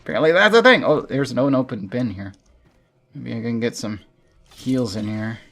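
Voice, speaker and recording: A man streaming a shooter game, chatting casually and thinking out loud with frequent chuckles. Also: medium pitch, lively intonation, moderate pace. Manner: chuckles often, thinks aloud. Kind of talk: casual gameplay chat.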